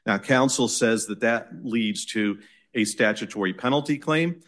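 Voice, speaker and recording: A man with a Boston accent, an attorney making an oral argument before appellate judges in a measured, insistent way. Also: mid-range voice, fairly bright tone. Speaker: attorney arguing an appeal.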